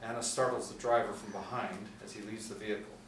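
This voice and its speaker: Talking fast in a lowish, slightly bright voice with fairly even intonation, a middle-aged man reads out stage directions as narrator at a table read. He sits in a small room with a tablet. The recording has room echo, a distant mic, and faint noise.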